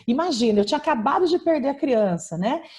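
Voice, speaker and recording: A woman's voice: high voice, animated, quick pace, a little mellow. Emphatic Brazilian woman preaching. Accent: Brazilian Portuguese. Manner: emphatic, frequent tag questions. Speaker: pastor. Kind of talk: preaching testimony on a video call. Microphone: video call.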